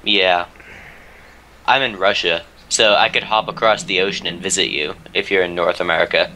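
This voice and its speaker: Bright-voiced young man teasing over voice chat. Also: low voice, steady tone, moderate pace, a little hiss or hum. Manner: joking, teasing, swears. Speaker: multiplayer gamer. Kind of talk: casual game chat. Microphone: headset with earphones.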